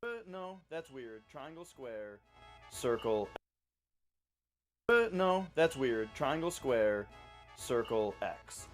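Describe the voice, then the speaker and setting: A man's voice: medium pitch, sing-song, takes it slowly, pauses often, soft background music. A man calling out button inputs under his breath, recorded echoey and distant by a mic across the room. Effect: echoey, distant sound from a mic across the room. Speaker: player in an old clip.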